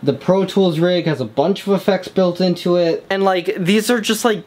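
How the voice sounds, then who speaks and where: A man's voice: sits high, moderate pace, darkish tone. Rambling young guy vlogging to camera. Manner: rambling, filler-heavy with lots of "like" and "um". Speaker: vlogger and music producer. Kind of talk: casual vlog talk to camera. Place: outdoors in an apartment parking lot, then a small home music studio. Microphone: handheld vlog camera close to the face.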